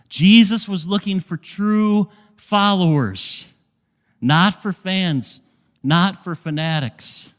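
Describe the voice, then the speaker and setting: A male pastor preaching a sermon with a lively, playful delivery and occasional humorous asides. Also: mid-range voice, long reverb tail.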